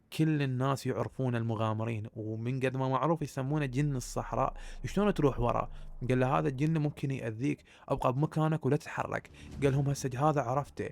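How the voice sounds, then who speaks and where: A man's voice: medium pitch, creaky, a little mellow, slight background noise. A man with a Baghdad Iraqi accent telling a horror story in a casual spoken way, talking straight to his listeners and building suspense. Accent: Iraqi Arabic, Baghdad. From Iraq.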